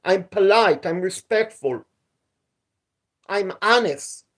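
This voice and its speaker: A man's voice: high-pitched, animated, slow, fairly bright tone. A man hosting a live stream outdoors at night, talking in a repetitive, aggrieved, lecturing way. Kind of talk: casual live stream talk. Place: outdoors at night near a pool.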